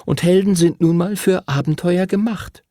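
A man voicing a caring middle-aged mother in an audiobook, speaking softly and tenderly. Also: high voice, moderate pace, no echo, studio quality, pitched above the performer's own voice, lightly acted. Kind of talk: audiobook character voice.

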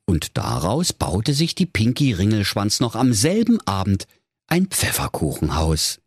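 A man narrating a comic fairy tale in a lively, playful storytelling manner, with a husky voice. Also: fairly low pitch, unhurried, dry recording, clean studio sound.

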